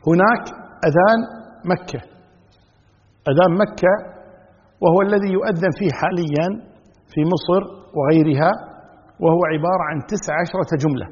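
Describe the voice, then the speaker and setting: A man explains a classical text in a steady lecture manner, often repeating himself. His husky voice sits a little high. The sound is muffled and lo-fi, with a long echo trailing behind each phrase. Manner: measured, repeats key phrases, recites formulas. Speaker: Islamic scholar teaching a fiqh text. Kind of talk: recorded religious lesson. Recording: dull lo-fi audio with long reverb.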